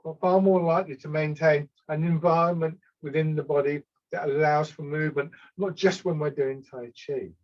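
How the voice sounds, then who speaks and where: A man gives calm, unhurried step-by-step tai chi cues as an instructor, sometimes hesitating and correcting himself. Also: fairly high pitch. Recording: slightly dull, lo-fi sound.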